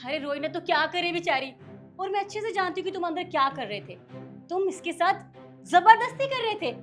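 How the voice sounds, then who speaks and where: A sharp-tongued, scheming wife, played by a woman, scolding and accusing in a very high voice. Faint music plays behind her lines. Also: lively intonation, brisk. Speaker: lady of the house.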